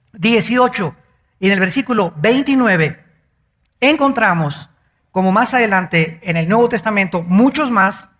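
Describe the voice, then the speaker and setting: A male pastor preaching a sermon emphatically, drawing out key words slowly and telling the congregation to write things down. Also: high-pitched, fairly bright tone. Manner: addresses the congregation directly, asking them to note things down.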